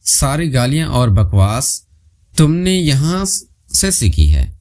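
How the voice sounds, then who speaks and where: A man's voice: medium pitch, wildly swooping pitch, a little mellow, voice pushed up. A man voicing a middle-aged aunt in a story, teasing and mock-scolding.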